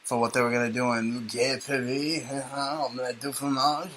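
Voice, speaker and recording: A male radio host who rambles through the show with sardonic jokes. His voice sits at an average pitch with a bright, forward tone. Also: fairly even intonation, a little slow, a little hiss or hum, rough recording. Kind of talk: casual talk radio banter.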